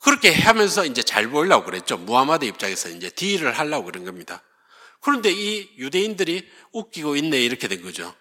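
Lively man lecturing in a reverberant hall. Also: mid-range voice, quick pace. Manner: lively storytelling, acts out quoted speakers. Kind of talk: history lecture.

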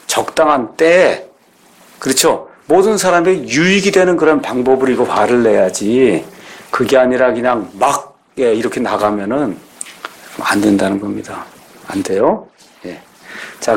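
Middle-aged male pastor, slightly husky, preaches in a chatty way and quizzes the pews. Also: mid-range voice. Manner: conversational, asks congregation rhetorical questions. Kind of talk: sermon.

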